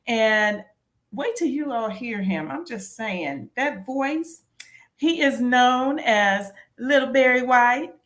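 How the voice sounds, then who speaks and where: A woman hosting a casual interview in an effusive, encouraging way. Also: a little high. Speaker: interview host.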